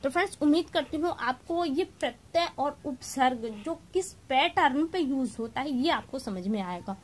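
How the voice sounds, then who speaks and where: Female teacher, high voice, explanatory online lesson, reads out word lists for students. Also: animated, moderate pace. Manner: explanatory, reads word lists aloud, addresses viewers as friends. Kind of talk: exam-prep grammar lesson.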